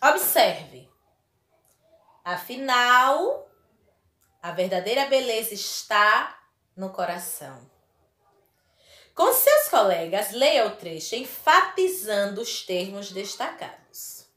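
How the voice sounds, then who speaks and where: Woman teacher, slow, lively pitch, affectionate and emphatic, echoey room. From Brazil. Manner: affectionate, slow and emphatic, stretching key words. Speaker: primary school teacher. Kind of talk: recorded classroom lesson for children.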